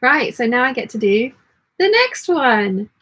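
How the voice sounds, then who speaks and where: A woman hosting a casual live sewing hangout, talking through her work and chatting along, with a slightly husky voice. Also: fairly high pitch, sing-song, unhurried, fairly bright tone. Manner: muttering commentary while working; reads chat messages aloud. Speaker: sewing livestream host.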